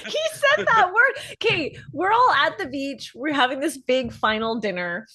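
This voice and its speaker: A woman from Canada telling stories in a casual comedy podcast chat, animated and laughing often. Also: sits high, moderate pace. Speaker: podcast co-host.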